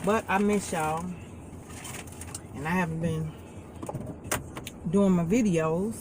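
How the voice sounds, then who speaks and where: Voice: mid-range voice, steady tone, slow. An American vlogger chatting casually and familiarly to viewers like family, recorded inside a parked car. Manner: folksy, colloquial, familiar. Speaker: vlogger, mukbang host. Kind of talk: casual chat to camera, addressing viewers as family. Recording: noisy car interior, outdoor ambience.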